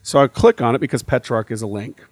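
A man's voice: medium pitch, fast talker, a little mellow, no room sound, studio quality. A man co-hosting a podcast, chatting casually and thinking aloud with many fillers and restarts. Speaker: podcast co-host. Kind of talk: casual chat.

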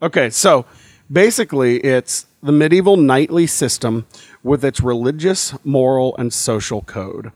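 A man of ordinary pitch co-hosts a podcast in loose, rambling chat, full of fillers and restarts as he works things out aloud. His voice sounds close and dry, with no room around it. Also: a little slow, darkish tone, dry recording. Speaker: podcast co-host. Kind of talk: casual chat.

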